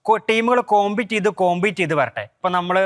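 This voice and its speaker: A man's voice: sits high, very fast. A man on a casual football panel, stating his opinions firmly and often repeating himself. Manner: opinionated, argues his view with repeated phrases.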